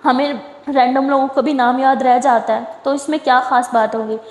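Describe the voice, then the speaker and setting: A proud young woman snaps and scolds, keeping her feelings hidden, voiced by a woman telling the story. The voice sits high. It rings out with a long room reverb. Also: fairly even intonation, moderate pace, close to an everyday voice. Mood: scolding. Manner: sharp, scolding. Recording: roomy echo with long reverb.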